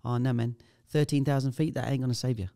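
A man's voice: mid-range voice, fairly even intonation, quick pace, gravelly, dark tone, clear, resonant tone, lightly acted. A man putting on the voice of an easygoing male skydiving instructor who sounds unbothered. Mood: breezy. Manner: breezy, casual, offhand.

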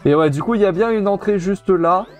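A man's voice: sits high, brisk, faint music behind. A man giving casual, chatty commentary while streaming a video game, repeating himself and using many fillers. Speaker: let's play streamer.

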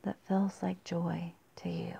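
A woman guides a meditation in a soft, breathy, husky near-whisper, her lowish voice delivered flatly with long pauses. The recording is dull and muffled.

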